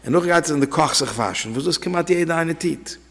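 A man teaches an informal religious law lesson as a rabbi, weaving anecdotes into his talk. His voice is gravelly and a little husky. The long reverb of a hall trails behind every phrase. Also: fairly high pitch, fast. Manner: conversational, telling anecdotes to listeners.

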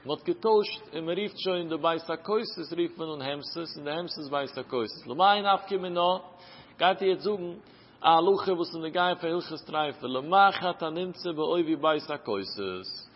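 A man's voice: a little high, moderate pace. A man with a Yiddish-inflected accent giving a Talmud lesson in a rising and falling study chant. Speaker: Torah teacher. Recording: muffled, echoey lo-fi hall recording.

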